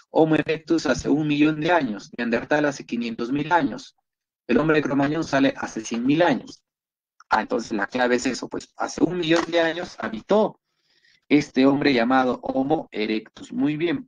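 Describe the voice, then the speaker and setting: A man's voice: mid-range voice, highs cut off. A man with a Peruvian Spanish accent teaching an online biology class, going over exam questions and praising his students often. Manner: encouraging, repeats praise often.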